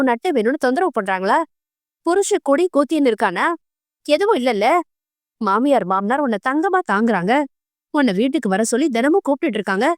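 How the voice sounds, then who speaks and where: A woman voicing an exasperated middle-aged mother in an audio novel, scolding her daughter in rapid bursts. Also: fairly high pitch, no room sound, studio quality, lightly acted.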